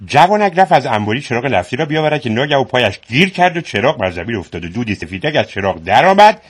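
A man's voice: medium pitch, big pitch swings, husky. A man narrating a comic fairy tale in storybook style and breaking off to scold the actors.

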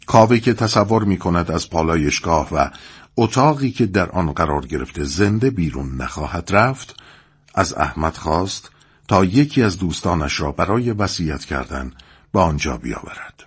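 A man narrating a recap of a drama episode in a measured storytelling manner. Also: deep voice, animated, husky. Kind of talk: scripted narration.

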